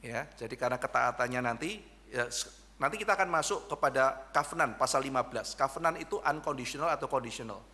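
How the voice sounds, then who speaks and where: A man preaching a sermon in lively storytelling fashion, with an Indonesian accent, speaking directly to the congregation. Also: medium pitch, quick pace. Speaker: pastor. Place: church hall. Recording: long hall reverb.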